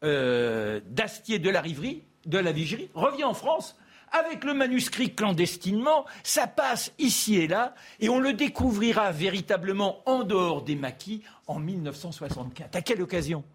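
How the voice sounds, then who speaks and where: Husky high-voiced man telling history. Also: moderate pace. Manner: lively anecdotal storytelling, acts out quotes. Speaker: history columnist. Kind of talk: storytelling on a TV debate show.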